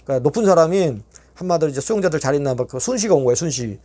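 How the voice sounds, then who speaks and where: Middle-aged guy rattling off a story real fast, kinda high voice, swears a lot. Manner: animated, acts out quoted dialogue, swears. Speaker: YouTube storyteller. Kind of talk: casual storytelling.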